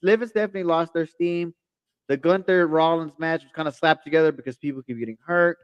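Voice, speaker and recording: A man's voice: on the high side, a little fast, clear, resonant tone, dry recording, lo-fi sound. A man hosting a late-night wrestling talk show, earnestly building his argument in casual chat. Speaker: podcast host.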